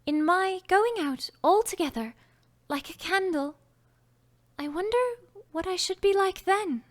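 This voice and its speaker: A woman's voice: extremely high pitch, animated, unhurried, voice pushed up. A woman voicing the little girl Alice, earnest and chatty, in a storybook reading. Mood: musing.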